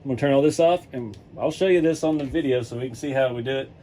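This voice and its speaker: The host of an RC hobby channel, a man with a middle-pitched voice, gives an easygoing workshop tutorial from his home garage. His voice is hoarse and seems to be going, he chats casually with lots of "uh"s and chuckles filling the pauses, and faint background noise can be heard.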